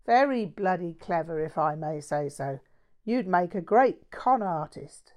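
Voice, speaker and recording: A woman's voice: on the low side, lively intonation, measured pace, darkish tone. A woman voicing a brash, cheeky working-class man in an audiobook story, with a blunt, matey, slangy way of talking. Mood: brash, sardonic.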